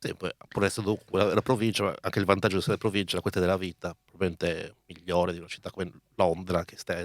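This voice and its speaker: Male radio host, slightly deep voice, informal conversational interviewing, dry close recording. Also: flat delivery, fast talker, no echo.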